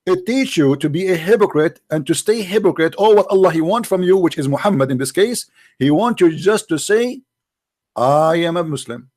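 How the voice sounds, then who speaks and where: A man's voice: fairly high pitch, expressive, moderate pace, darkish tone, no echo. A man hosting a heated religious debate, combative and accusatory, keeping strict time on his opponent. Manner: keeps strict time on the other speaker. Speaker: debate host.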